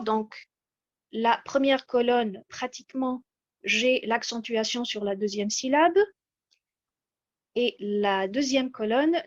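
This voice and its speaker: High-voiced woman lecturing over slides. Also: muffled recording. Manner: measured, explanatory, with frequent hesitations. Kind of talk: slide-based lecture on word stress.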